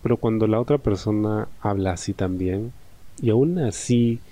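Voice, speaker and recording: A man's voice: lowish voice, normal speed, dark tone. A young man with a Peruvian Spanish accent hosting a solo podcast, talking in a reflective, conversational way and often ending phrases with a questioning tag. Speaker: podcast host.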